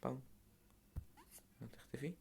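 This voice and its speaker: A young man with an Egyptian Arabic accent, casually commenting while playing a game, muttering to himself with sudden loud outbursts. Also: measured pace. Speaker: gamer streamer.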